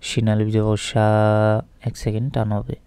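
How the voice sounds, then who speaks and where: A man's voice: fairly low pitch, little pitch movement, moderate pace, gravelly, mellow, clean tone, no room sound. A man with a Bangladeshi Bengali accent teaching Quran recitation, spelling out each letter and vowel mark one by one before chanting the verse. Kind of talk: slow, methodical pronunciation lesson.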